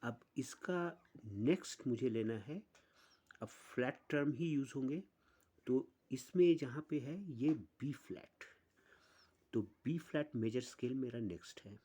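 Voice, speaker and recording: A man teaching an online music lesson, explaining step by step with pauses. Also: mid-range voice, lively intonation, dark tone, breathy edge.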